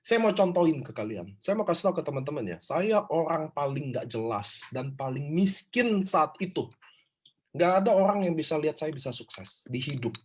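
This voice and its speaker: Husky man, fairly high voice, lively and emphatic, online workshop speaker on a call mic. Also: moderate pace. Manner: animated, informal, emphatic. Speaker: motivational speaker. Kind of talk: online motivational workshop talk. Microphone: video call.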